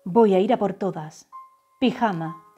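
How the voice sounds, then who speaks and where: A woman from giving a tarot reading to her viewers, saying the messages she channels slowly and softly. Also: medium pitch, breathy edge, dull audio. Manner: slow, soft, drawn-out channeled phrases. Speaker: tarot reader. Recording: faint background music.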